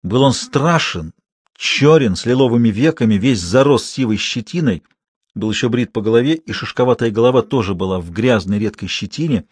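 A male storyteller reads prose in a measured way. His voice is slightly husky, recorded dry with no room sound. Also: medium pitch, animated, no room sound. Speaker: narrator. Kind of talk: audiobook narration.

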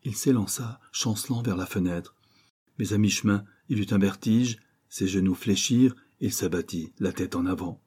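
A man narrates a classic short story at a measured pace. His voice is low and dark, with a husky grain. It is read in a steady audiobook style.

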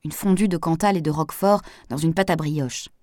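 A woman's voice: low-pitched, brisk, a little mellow, no echo, natural voice. A woman reading Samuel, a dry slightly impatient man. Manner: dry, a bit irritated.

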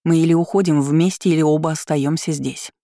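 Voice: mid-range voice, steady tone, fairly quick, dark tone, dry recording, studio quality, close to an everyday voice. A reader voicing a determined, stubborn young woman in an audiobook, speaking in curt, insistent retorts.

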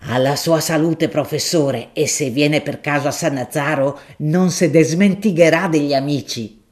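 A woman voicing a hearty, plain-spoken middle-aged male grocer, speaking slowly in a lowered voice with dialect-tinged words. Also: a little mellow, lightly acted. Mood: insistent, jovial.

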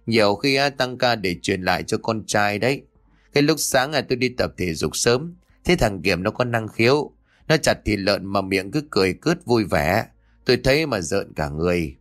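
A man's voice: on the low side, expressive, moderate pace, fairly bright tone. A man voicing an older village man who mutters snide remarks. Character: gossiping older village man, later wailing hurt.

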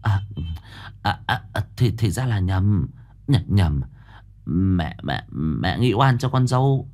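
A man voicing a stern older mother-in-law who barks orders and scolds in a shrill, high voice. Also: big pitch swings, moderate pace, fairly bright tone. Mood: flustered.

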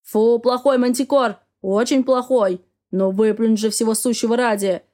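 A woman voicing a loud, burly bearded man who scolds and coaxes his pet in an audiobook. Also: fairly high pitch, fairly even intonation, normal speed, close to an everyday voice. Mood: scolding. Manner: shouting, scolding and coaxing.

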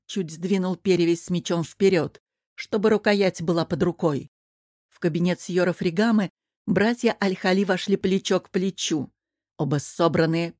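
Low-voiced woman narrating a fantasy audiobook. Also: a little mellow, no room sound, studio quality.

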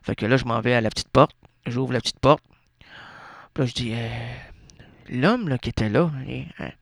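Québécois guy on the radio, rambling, keeps cutting himself off, dry close sound, raspy-edged bright voice. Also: medium pitch, moderate pace, no room sound. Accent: Québécois French. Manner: meandering, self-interrupting, absurd asides. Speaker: radio host. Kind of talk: rambling comic radio monologue. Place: radio studio.

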